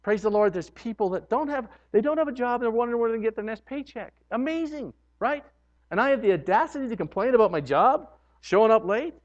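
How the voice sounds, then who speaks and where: A male pastor preaching a sermon, acting out imagined churchgoers in quick asides. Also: extremely high pitch, dull audio. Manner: animated, acts out imagined churchgoers.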